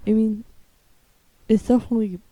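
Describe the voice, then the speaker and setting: Dark-voiced young woman talking through retainers. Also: fairly even intonation, normal speed, no room sound. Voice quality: slightly lisping speech from wearing dental retainers. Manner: blunt, slangy, flippant. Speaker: video creator. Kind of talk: casual rambling monologue. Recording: low-quality muffled microphone.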